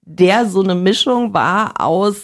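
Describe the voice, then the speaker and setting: A middle-aged woman from Munich who works as a TV and radio presenter, telling stories in a casual conversation with a lively, laughing manner. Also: mid-range voice, slow. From Munich, Bavaria.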